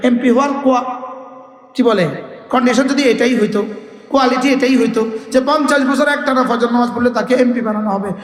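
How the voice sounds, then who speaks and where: High-pitched preacher in an echoing hall. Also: male voice. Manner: call-and-response, asks crowd to repeat; rhythmic chanting of Arabic phrases. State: tired. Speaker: Islamic preacher. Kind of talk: Bengali waz sermon. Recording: echoey hall with long reverb.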